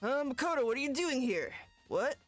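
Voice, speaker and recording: A woman's voice: high-pitched, very animated, fairly quick, faint music behind, pitched above the performer's own voice. Woman doing a frantic surfer-dude fortune teller. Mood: baffled. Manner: drawling, frantic Shaggy-like whine. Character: panicky laid-back male surfer-type fortune teller.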